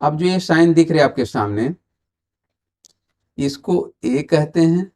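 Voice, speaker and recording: A man's voice: a little high, lively intonation, unhurried, mellow. A man with an Indian accent teaching English grammar online, mixing Hindi and English and quizzing viewers while he waits for their answers. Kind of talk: online exam-prep grammar lesson.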